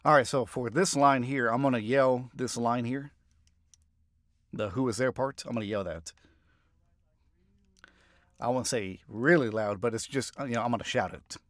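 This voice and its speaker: A man's voice: mid-range voice, normal speed, pauses often, a bit bright, no room sound, studio quality. A man voice actor in a recording booth, reading first-person narration takes and muttering to himself between them, often starting lines over. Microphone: studio microphone.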